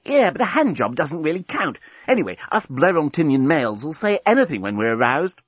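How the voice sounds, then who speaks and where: A man's voice: on the high side, very animated, brisk, slightly rough, dry recording, highs cut off, voice pushed up. A man voicing a smug, amorous male alien journalist. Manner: smug, self-satisfied.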